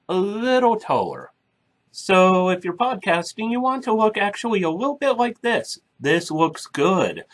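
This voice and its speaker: A man whose voice sits high, with a fairly bright tone, leads a casual screen-recorded tutorial on podcasting. Speaking into a mic through a soundboard, he's chatty and blunt as he covers each step.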